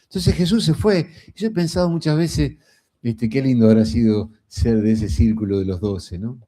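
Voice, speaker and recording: A man's voice: mid-range voice, moderate pace, warm tone. A middle-aged man with a Rioplatense Spanish accent preaching a sermon in a folksy, conversational way, often tossing in a rhetorical "¿no?".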